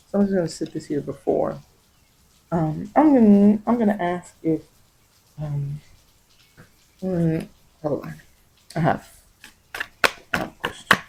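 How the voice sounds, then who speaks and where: A tarot reader with a warm, middling-pitched voice improvises in an ASMR style, pausing reflectively and reshaping and repeating phrases as the reading goes on. The recording quality is poor.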